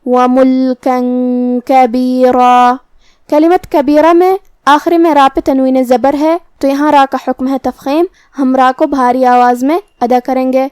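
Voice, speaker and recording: A woman teaching Quran recitation, explaining each letter methodically and then reciting the verses slowly. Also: high-pitched, steady tone, a little mellow, no room sound.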